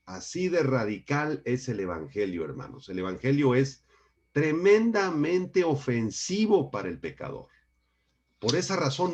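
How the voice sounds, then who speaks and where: A man's voice: mid-range voice, darkish tone. Man, pastor giving a Bible lesson, emphatic, repeats for emphasis. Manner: emphatic, repeats key words, addresses listeners as brothers. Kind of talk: Bible study teaching.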